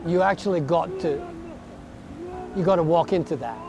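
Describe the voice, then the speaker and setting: A Scottish man in his sixties, reflecting in a documentary interview, thoughtful and earnest, pausing and repeating words as he searches for them. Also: on the high side, lo-fi sound, noisy background. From Scotland. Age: 60s. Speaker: barefoot walker interviewed.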